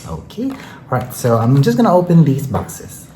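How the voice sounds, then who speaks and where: Reviewing a makeup product, a beauty vlogger talks casually and eagerly in a mid-range voice with wildly swooping pitch at normal speed. She frequently drops in fillers such as "you know," and the audio carries a roomy echo and faint background noise.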